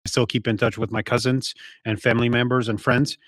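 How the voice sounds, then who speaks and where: Forties guy from Poland, Polish first language, podcast guest, unhurried and reflective, dead-dry mic. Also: mid-range voice, level tone, fairly bright tone, no room sound. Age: 40s. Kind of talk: casual interview.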